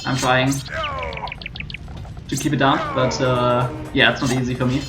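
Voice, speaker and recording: A man's voice: medium pitch, little pitch movement, unhurried. A man with a German accent giving live commentary on a strategy game as a streamer, in a conversational, slightly hesitant way. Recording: roomy echo, music behind. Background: music.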